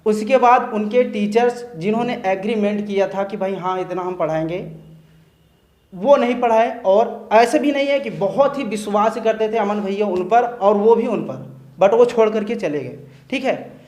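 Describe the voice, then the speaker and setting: A man's voice: sits high, normal speed, darkish tone, echoey room. A man who is a teacher giving his earnest opinion in a discussion, often checking in with listeners as he talks. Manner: earnest, repeats "theek hai" as a check-in.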